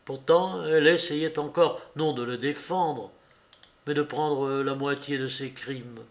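A man narrating a classic novel audiobook in a measured, dramatic storytelling manner. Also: fairly high pitch.

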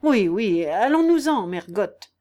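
A woman's voice: mid-range voice, very animated, slow pace, mellow. A woman reading aloud, voicing an insolent, coldly defiant male peasant with a mocking manner.

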